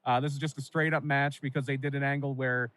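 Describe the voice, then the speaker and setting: Quick and flat in delivery, a man with a medium-pitched, slightly bright voice co-hosts a casual wrestling podcast. Hailing from Pennsylvania, he rambles through nostalgic stories packed with fillers, in a low-quality recording.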